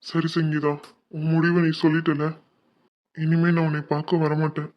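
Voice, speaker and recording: As a woman: drop low, play a desperate young man who begs, pressures and dramatizes, muffled lo-fi sound. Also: flat delivery, moderate pace, heavy background noise, lightly acted. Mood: grim. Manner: pleading, pressuring, melodramatic.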